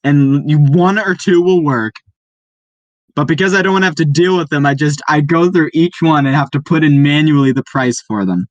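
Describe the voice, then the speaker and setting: A man co-hosting a podcast, chatting in a relaxed way. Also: fairly high pitch, moderate pace, no echo, lo-fi sound. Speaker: podcast co-host. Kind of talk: casual podcast chat.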